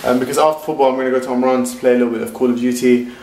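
A man's voice: medium pitch, little pitch movement, very fast, warm tone. A man in his twenties chatting casually to camera as a playful vlogger, often repeating words for emphasis, recorded at arm's length. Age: 20s. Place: car interior, outdoors and small rooms. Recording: clear background noise, car and handheld camera.

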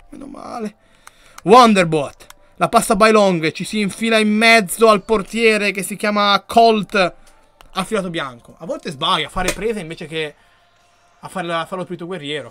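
A man giving live commentary while he plays a video game. He reads the chat aloud and yells and swears when the game goes wrong. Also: high-pitched, normal speed. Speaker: gaming streamer.

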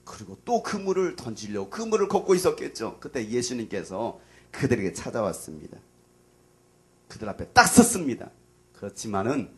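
A man preaching to a youth gathering as their pastor, dramatic and casual, swinging between loud outbursts and near whispers. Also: mid-range voice. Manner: casual, plain speech to young listeners.

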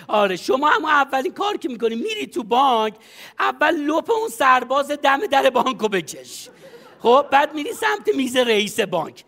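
High-voiced brash man in comedy sketch. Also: bright, forceful tone. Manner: brash, bossy, laughs often while coaching. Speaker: comic advisor in a sketch. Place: studio stage.

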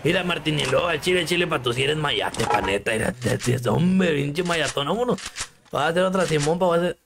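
A man's voice: fairly high pitch, lively intonation, a little fast, gravelly. A young man with a Mexican Spanish accent, streaming a game live, joking crudely and greeting viewers by name. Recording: noisy stream audio.

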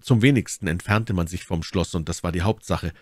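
A man reading a classic novel aloud as a narrator, with expressive, dramatic narration. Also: deep voice, a little fast, no echo. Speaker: audiobook narrator.

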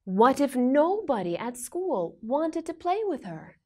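A young woman reads a children's story as if to a toddler. She goes very slowly, with big swoops in pitch. Her delivery is exaggerated and made simple for small listeners. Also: big pitch swings. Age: young adult. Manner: reading to a toddler, with simple questions and exaggerated expression. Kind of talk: read-aloud picture book storytelling for young children. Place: indoor studio with plain backdrop.

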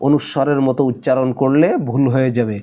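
A man with a Bangladeshi accent teaching tajweed. He explains each rule briskly, then recites the Arabic phrases slowly and drawn out. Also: mid-range voice, steady tone, warm tone. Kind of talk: tajweed lesson alternating explanation and slow recitation.

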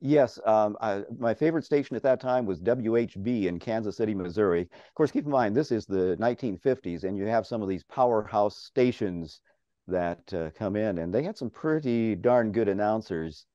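Laughing frequently, the veteran radio broadcaster chats with lively intonation as he shares casual stories from his home office during a video-call interview. His strong, older voice is on the low side and dark-toned, at normal speed, on a dry recording with dull call audio.

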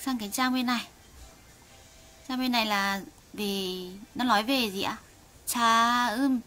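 Woman, Vietnamese teacher of Korean, slightly high voice, patient and clear for learners. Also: sharp tone. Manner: slow, patient, drills sounds for students to repeat. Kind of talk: online language lesson, reading aloud for learners.

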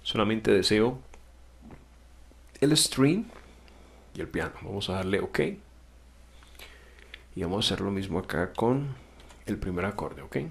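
Pausing often and speaking a little slowly, a man patiently guides viewers through music software step by step in a screen recording. He corrects himself and checks in with "ok?" along the way, his fairly low, creaky voice staying expressive.

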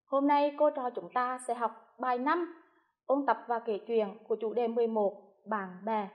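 A female primary school teacher giving a televised lesson to first graders, speaking slowly and spelling things out with careful, clear articulation. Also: fairly high pitch, fairly even intonation, highs cut off. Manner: slow, clearly articulated classroom delivery.

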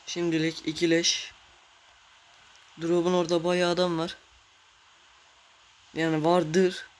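A man giving casual, excitable commentary while playing a mobile game, cursing and talking to his viewers. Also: a little high, slow pace. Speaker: gamer.

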